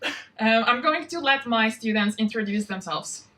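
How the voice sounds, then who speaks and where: Bright-voiced woman hosting a demo day. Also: a little high, a little slow, far from the mic, low-quality recording. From from outside Norway. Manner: relaxed, informal, with frequent ums. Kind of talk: event welcome speech. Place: event venue, spoken to a live audience.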